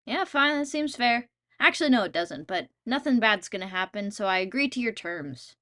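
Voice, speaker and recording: A woman's voice: on the high side, lively intonation, moderate pace, sharp tone. A woman narrating a comedic game video in a wry, playful, self-mocking way.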